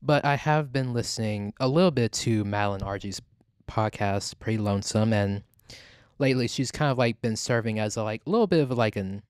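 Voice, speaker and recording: A man hosting a casual gossip podcast, rambling and halting, with "like" peppered through his sentences. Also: on the low side, clean tone, dry recording, clean studio sound. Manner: rambling, halting, heavy use of "like". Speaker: podcast host. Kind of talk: casual celebrity gossip talk.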